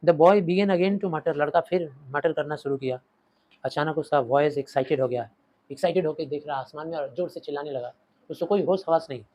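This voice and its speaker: A man teaching a short story in Hindi, reading English lines with an Indian accent and acting out quoted lines before dropping to quiet asides. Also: fairly high pitch, a little fast, rough recording. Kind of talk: explaining a story in Hindi lecture.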